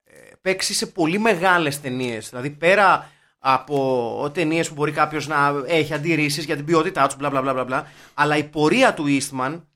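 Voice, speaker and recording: A man co-hosting a casual film podcast, chatty and excitable, swearing in jest now and then. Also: on the high side. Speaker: podcast co-host. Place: informal room, cafe-like.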